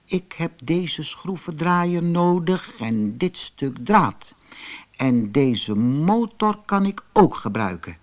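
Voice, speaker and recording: A man voicing a jittery, forgetful little male space traveler in a storybook, with high, squeaky, panicky cries. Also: big pitch swings, slow. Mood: musing.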